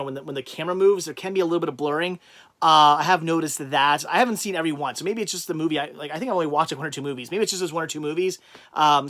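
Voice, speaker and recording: A man's voice: a little high, fairly bright tone. Chatty man hosting a livestream. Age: adult with a child. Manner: rambling, many restarts and fillers. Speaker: livestream host reading chat. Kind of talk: casual livestream chat.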